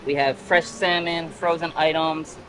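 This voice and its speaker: A man's voice: a little high, steady tone, a little slow, a bit bright, slight background noise, low-quality recording. A man working in a fish market, explaining the work plainly in a cold processing room. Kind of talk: casual explanation.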